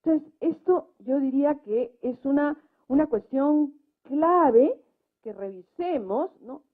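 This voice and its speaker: Speaking slowly in a high, animated voice, a woman makes spontaneous, emphatic points on a debate panel, frequently adding short tag questions. The live audio is muffled and narrow-band.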